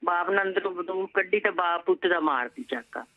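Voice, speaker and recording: A woman's voice: fairly low pitch, brisk. A woman from India now living in Canada, calling a talk show and earnestly telling a story step by step. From from India, lives in Canada. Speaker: caller. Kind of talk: phone call to a talk show. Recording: tinny phone line.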